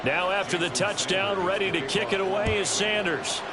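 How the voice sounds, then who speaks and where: A man's voice: high voice, steady tone, moderate pace. An American man calling live football as a play-by-play announcer. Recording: loud stadium noise behind.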